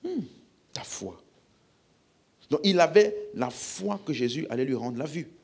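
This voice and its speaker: A man's voice: a little high, expressive, a little slow, gravelly, darkish tone, husky. A man with a French accent preaching a healing-service sermon, emphatically calling out questions to the congregation.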